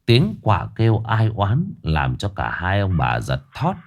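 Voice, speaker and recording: Low-voiced storyteller. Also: male voice, wildly swooping pitch, measured pace, noisy background. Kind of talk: ghost story narration.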